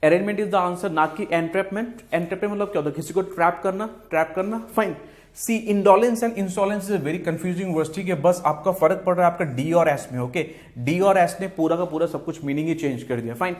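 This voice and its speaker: A man's voice: sits high, moderate pace. A man with an Indian English accent teaching exam vocabulary. He switches between Hindi and English, repeats each key word and answer, and keeps saying "fine" and "okay" between points. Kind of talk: exam-prep vocabulary lesson.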